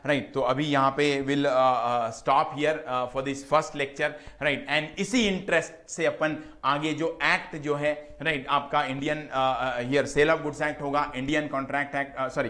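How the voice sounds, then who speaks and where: A male lecturer with an Indian accent teaches law in a chatty, conversational way. His voice sits a little higher than usual for a man. He keeps checking with his class and slips English terms into his explanations. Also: bright, forceful tone. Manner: mixes English terms into Hindi speech.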